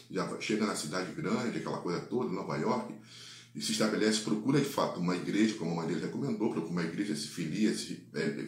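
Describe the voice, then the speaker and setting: A man with a Brazilian Portuguese accent retells a faith-based life story, halting often on repeated words and tagging lines with "né?". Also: deep voice. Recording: echoey room.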